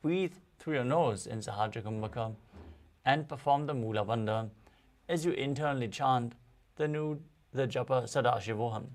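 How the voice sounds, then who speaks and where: Creaky-voiced man guiding yoga postures. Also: medium pitch. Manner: measured, instructional. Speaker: yoga instructor. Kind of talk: guided yoga posture instruction.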